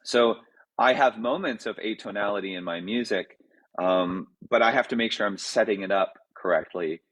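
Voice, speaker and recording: Composer Q&A, male, lowish voice, halting and thoughtful, lots of ums. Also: fairly bright tone, rough recording. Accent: American. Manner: thoughtful, halting, many fillers and restarts; reads out audience questions. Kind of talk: casual Q&A talk.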